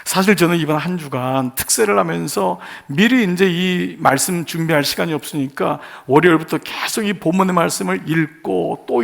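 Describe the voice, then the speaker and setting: A man's voice: sits high, vocal fry. A male pastor giving an earnest sermon in short phrases, putting rhetorical questions to his congregation. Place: church sanctuary.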